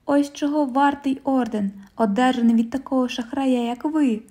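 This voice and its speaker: A woman's voice: high voice, moderate pace, dark tone. A woman voicing a mocking, hot-tempered young husband who speaks in a sneering, scornful way.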